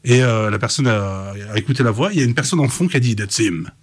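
A man's voice: mid-range voice, animated, breathy edge. A man who works as a voice actor, chatting in an interview and telling stories with enthusiasm. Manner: rapid, enthusiastic storytelling. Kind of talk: casual interview chat.

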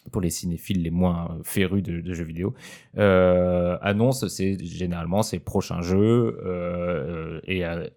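A man's voice: sits low, warm tone. A man co-hosting a casual talk show, chatting with many hesitant fillers. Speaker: podcast co-host. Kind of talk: casual chat.

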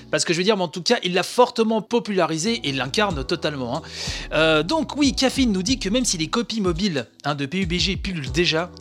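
A man's voice: high-pitched, a bit bright. A man hosting a video game news podcast, reading out articles with frequent asides and the filler "hein". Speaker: podcast host.

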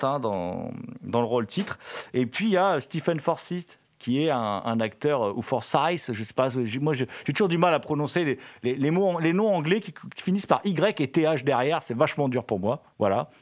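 A man's voice: mid-range voice, sing-song, moderate pace. Male film-review host, casual and enthusiastic, stumbling delivery with frequent fillers and restarts. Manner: hesitant, many fillers and repeated words.

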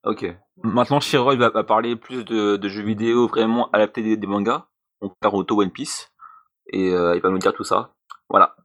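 A man's voice: fairly low pitch, fairly even intonation, normal speed, fairly bright tone, slight background noise. A young man co-hosting a casual gaming podcast, laid-back and hesitant, stumbling through his descriptions with fillers. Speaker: podcast co-host.

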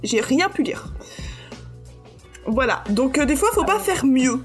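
A woman's voice: sits high, big pitch swings, takes it slowly, soft background music. A woman presenting her research on a podcast in a hesitant way, with many fillers and restarts. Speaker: podcast co-host presenting research on comic creators. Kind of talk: casual podcast chat.

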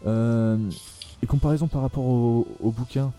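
A man's voice: mid-range voice, fairly even intonation, moderate pace, warm tone, faint music behind. A young man hosting a casual film podcast, talking hesitantly with many fillers and restarts. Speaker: podcast host.

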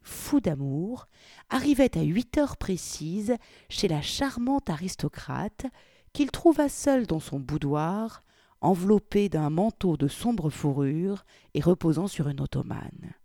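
Expressive woman reading a story aloud. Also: on the low side, dry recording, clean studio sound. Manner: expressive reading, lively intonation. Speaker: reader presenting an anthology. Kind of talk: reading a story aloud, then casual commentary.

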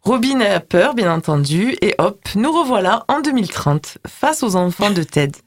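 A woman's voice: medium pitch, big pitch swings, normal speed, dry recording. Woman recapping a series in a dry studio. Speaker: radio columnist.

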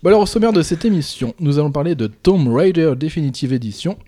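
Husky, joking young man hosting a podcast. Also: on the high side, lively intonation, fast, mellow. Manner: jokey, laughs often. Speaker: podcast host. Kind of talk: casual chat.

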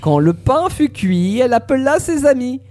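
Man, high lively voice, playful fairy-tale storytelling, faint music behind. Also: normal speed. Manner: playful, with fillers and asides. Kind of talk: casual fairy-tale reading to friends.

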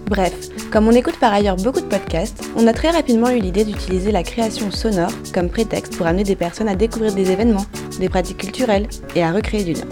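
A woman who produces and hosts the podcast, telling the story of its making in a clear, steady scripted narration. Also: mid-range voice, fast, few pauses. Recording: guitar music playing under the voice.

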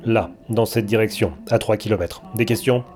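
A cold, grim army officer, as a male storyteller puts him on, who briefs his troops in clipped, flat sentences. The voice sits low and dark, and the reading is storybook style. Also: normal speed, faint music behind, natural voice. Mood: curt. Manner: clipped, matter-of-fact briefing.

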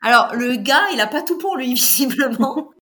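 A woman's voice: high-pitched, animated, normal speed, pushed and bright, slight background noise. Playful giggling woman co-host. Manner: playful, giggly, joking asides. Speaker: podcast co-host. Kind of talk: casual chat.

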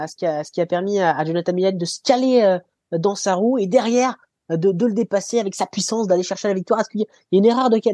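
A man's voice: high voice, dark tone, no echo. A man hosting a casual cycling talk show, jokily recapping the race for listeners. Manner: jokey, recapping stages for listeners. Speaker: show host.

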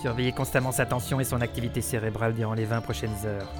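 A man voicing a curt, calm minister. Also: medium pitch, quick pace, music in the background, lightly acted. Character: calm, authoritative male minister with mental powers.

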